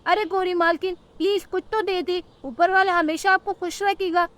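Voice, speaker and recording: A woman voicing a kind, generous female sparrow in a cartoon, gentle in her speech. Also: very high-pitched, steady tone, moderate pace. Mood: pleading. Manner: gentle and giving, pleading in the dream.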